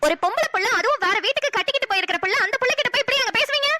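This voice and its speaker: A woman voicing a fierce, protective middle-aged mother in a cartoon, scolding rapidly with a Kongu Tamil accent. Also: very high voice, animated, very noisy. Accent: Kongu Tamil (Namakkal). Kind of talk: cartoon voice acting.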